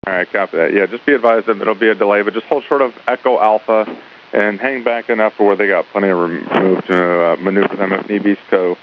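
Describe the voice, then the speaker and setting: A male air traffic controller giving instructions over radio in a conversational, repetitive way. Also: low voice. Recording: phone-like narrow radio with faint hiss.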